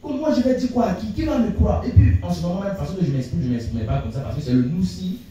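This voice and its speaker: Guy giving his testimony in church, keeps repeating himself and stammering, dark mellow voice, far off mic, big echo. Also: high-pitched, quick pace, a little hiss or hum. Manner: animated storytelling with repetitions and stammers. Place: church hall. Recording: echoey church hall mic from a distance.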